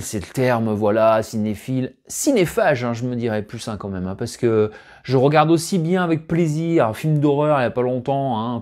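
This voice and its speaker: A man's voice: mid-range voice, a little mellow. A man chatting casually and rambling about his latest film finds, full of fillers and asides. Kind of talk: casual chat unboxing.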